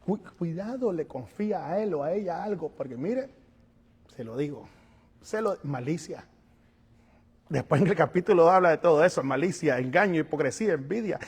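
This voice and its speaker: Pastor guy preaching, husky and kinda high, goes from quiet asides to loud calls, big church echo. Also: moderate pace. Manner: animated preaching, acts out little scenes, swings from soft asides to loud calls. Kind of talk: sermon. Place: church sanctuary.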